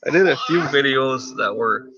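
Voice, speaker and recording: A French-speaking man hosts his channel from inside a tent, chatting casually with live-stream viewers and rambling through many fillers and restarts. His mid-range voice moves at a moderate pace, and the sound is lo-fi with a noisy background.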